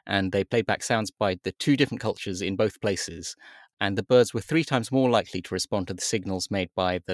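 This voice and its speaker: A man explains a science story with real enthusiasm, in a relaxed conversational way that stumbles over a few words. His voice sits fairly low, recorded dry and close. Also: no echo. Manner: enthusiastic, with fillers and restarts. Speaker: magazine editor, guest.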